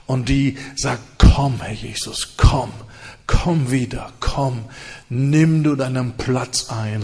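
A man preaching and leading prayer with fervor, in repeated rising phrases and hushed stretches. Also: medium pitch, husky. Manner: fervent, repetitive prayer cadence with hushed stretches. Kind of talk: sermon and prayer.

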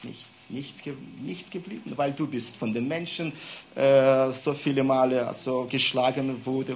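A man preaching a sermon in German in short bursts for an interpreter, with many fillers, reading scripture aloud slowly. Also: mid-range voice, fairly even intonation, a little hiss or hum.

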